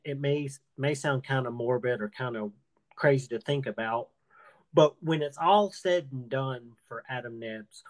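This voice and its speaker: A man hosting a podcast interview, talking earnestly with frequent stammered restarts. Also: medium pitch. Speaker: podcast host. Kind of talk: casual interview talk.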